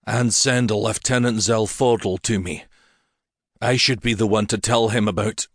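A man's voice: on the low side, steady tone, a little slow, no echo, studio quality. A male narrator voicing a grieving king who gives orders to his guards. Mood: subdued. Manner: hushed, then hard and snarling.

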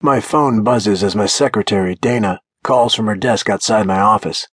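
A man's voice: lowish voice, moderate pace, a bit bright, breathy edge, no room sound. A man narrating a first-person audiobook in a blunt, confident manner.

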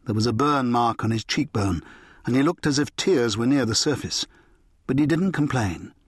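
A man reading an audiobook in measured scripted narration, close to a studio mic. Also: medium pitch, lively intonation, husky, dry recording. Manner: measured, storytelling.

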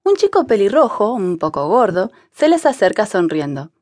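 A woman narrating an audiobook for language learners, reading in a clear, measured way on a close studio mic. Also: medium pitch, big pitch swings, darkish tone, no room sound. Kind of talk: scripted narration.

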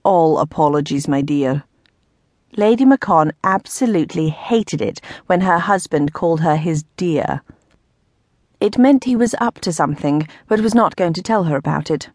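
A woman's voice: fairly low pitch, lively intonation, normal speed, a little mellow, dry recording, clean studio sound. A woman narrating a novel as an audiobook, with a wry, lightly ironic reading. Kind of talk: scripted narration.

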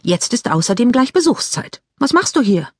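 A raised, emotional teen girl's voice, put on by a woman reading an audiobook. She pleads and pushes back with strong feeling, with a slightly husky edge over a dry close mic. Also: a little high, very animated, moderate pace, no room sound, pitched above the performer's own voice. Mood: defiant. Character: upset teenage girl, ballet dancer on crutches.

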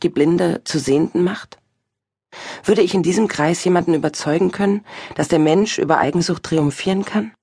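A woman narrating a novel in the first person, in a measured and reflective way. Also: sits low, darkish tone, breathy edge, no room sound, clean studio sound. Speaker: audiobook narrator.

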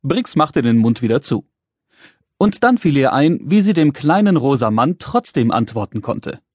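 A man narrating a children's storybook, telling the story in a lively, expressive way and speaking to young listeners. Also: medium pitch, moderate pace, no echo, clean studio sound. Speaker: audiobook narrator.

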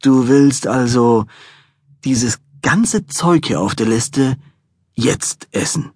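Brief: groggy, exasperated expectant father, husky voice, read by the narrator himself. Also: mid-range voice, expressive, a little slow, no echo, clean studio sound. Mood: incredulous. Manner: flustered, exasperated. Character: sleepy, harried expectant father, young man.

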